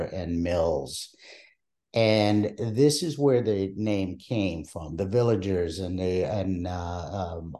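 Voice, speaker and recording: An older man from Palestine, answering oral history interview questions in a measured way with many hesitations. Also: sits low, darkish tone. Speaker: interviewee, archive creator.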